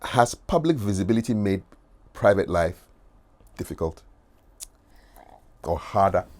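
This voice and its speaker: A man's voice: low-pitched, lively intonation, measured pace, darkish tone. A man with a Ghanaian accent hosting a casual interview, teasing his guest in a playful way. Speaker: interviewer host.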